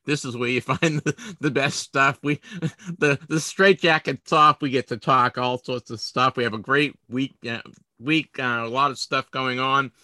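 A man's voice: medium pitch, fairly even intonation, normal speed, sharp tone, dry recording. A man hosting a sports collectibles podcast, chatting casually, rambling and poking fun at himself as he trips over his words. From Boston area, US. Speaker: podcast host.

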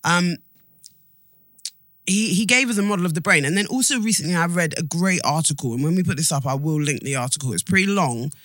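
A woman co-hosts a podcast in a casual explanatory chat, explaining things informally and emphatically, repeating phrases and checking that listeners are following. Her fairly low voice is animated, brisk, and a bit bright, recorded with studio quality and no echo.

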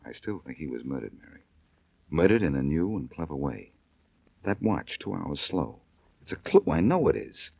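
An actor playing a wry, confident male detective on an old radio show, with a gravelly, husky voice and dry, probing questions. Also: extremely low pitch, big pitch swings, normal speed, exaggerated voice. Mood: brooding. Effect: old radio show broadcast. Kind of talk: 1940s radio acting. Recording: dull lo-fi old radio recording.

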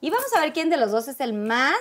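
A woman's voice: high-pitched, very animated, quick pace, crowd noise. A woman with a Mexican accent hosting a casual chat show, bubbly and exclamatory. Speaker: show host.

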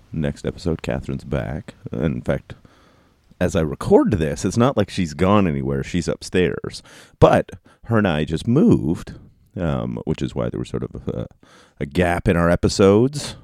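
A man hosting a podcast solo in a casual, rambling way, with halting, informal delivery. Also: deep voice, darkish tone, no room sound. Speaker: podcast host. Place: basement office at home. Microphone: close podcast microphone.

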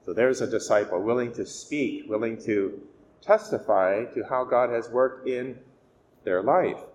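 A man speaking as a priest giving a scripture reading and homily, measured and deliberate with emphatic key words, his voice echoing as in a cathedral. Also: mid-range voice, darkish tone. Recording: echoey church reverb, clear background noise.

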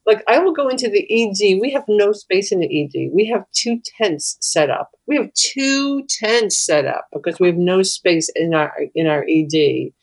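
A woman who works as a hospital chaplain, telling stories in an interview in a lively, candid way, laughing often and sometimes breaking into off-key singing. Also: mid-range voice, normal speed, hardly any pauses, rough recording.

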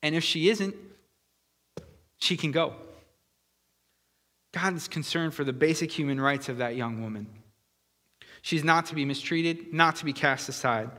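A man's voice: mid-range voice, a bit bright. Man, preacher, conversational sermon, earnest, fillers and restarts, echoing hall. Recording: long hall reverb.

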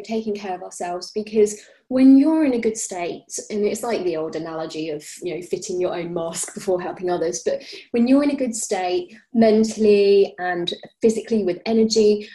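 A woman's voice: medium pitch, moderate pace, mellow, rough recording. A British woman speaking conversationally and reassuringly, giving encouraging advice as a parenting podcast host.

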